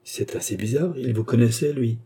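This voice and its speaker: A man reading the part of an examining magistrate, speaking in a formal, deliberate way. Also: mid-range voice, warm tone, husky.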